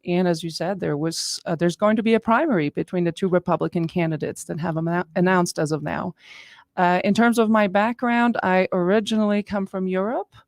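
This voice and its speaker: A woman's voice: lowish voice, a little fast, a little mellow, no room sound. Dry-voiced woman. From Austria. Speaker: guest, district attorney candidate. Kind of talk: radio interview answers. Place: radio studio.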